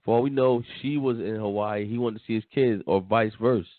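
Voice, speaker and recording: A man's voice: on the low side, brisk, no echo. A man co-hosting a podcast, talking bluntly and dismissively in casual chat, often repeating himself. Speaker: podcast co-host. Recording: tinny phone line, dry.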